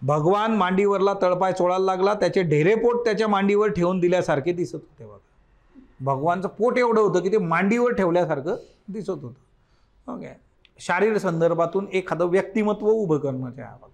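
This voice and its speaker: High-voiced man teaching literature. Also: animated, a little fast. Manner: explains line by line, often addresses the class as 'friends'; reads passages aloud then comments on them. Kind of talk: exam-prep lecture on a short story.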